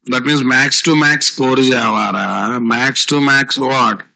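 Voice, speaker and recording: This software instructor, a man with a South Indian Telugu accent, runs a live online programming class, repeating key phrases, asking rhetorical questions, and using tag words. His medium-pitched voice is slow and sharp-toned with vocal fry. The audio quality is poor.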